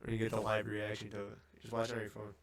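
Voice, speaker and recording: A man's voice: on the low side, completely flat delivery, rapid-fire, slight background noise. A young man in his late teens on a podcast, talking in a loose, rambling way full of fillers. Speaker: podcast co-host. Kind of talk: casual chat.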